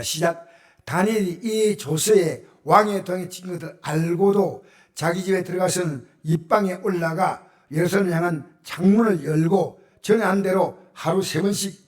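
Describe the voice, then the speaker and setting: Animated high-voiced Korean pastor preaching. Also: male voice. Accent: Gyeongsang Korean. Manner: animated, shifts from loud cries to near-whispers. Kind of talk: sermon. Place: church sanctuary.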